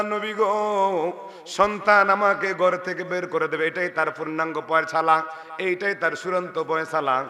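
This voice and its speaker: Old mother figure, wailing lament, voiced by a man, high voice, hall reverb. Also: sharp tone. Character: grieving old mother, sick and cast out. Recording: long reverb of a large venue.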